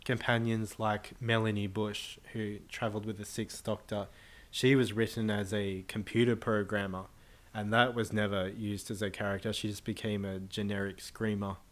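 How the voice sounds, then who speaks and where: A man's voice: lowish voice, little pitch movement, moderate pace. A man speaking as a podcast guest, knowledgeable and matter-of-fact in casual chat.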